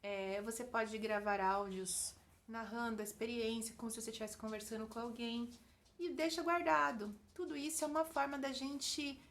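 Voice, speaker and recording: A woman talking straight to camera in an unedited vlog, chatty and gently encouraging, often tagging her sentences with "né?". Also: a little high, fairly even intonation, normal speed. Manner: chatty, gently encouraging, full of "né?" tag questions. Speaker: vlogger and author. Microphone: single camera, talking straight to viewers.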